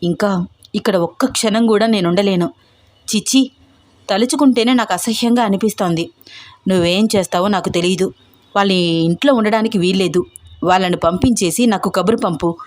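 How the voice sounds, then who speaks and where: A woman voicing a furious, strict middle-aged mother who scolds in shrill outbursts. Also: normal speed, a little mellow, close to an everyday voice. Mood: angry scolding.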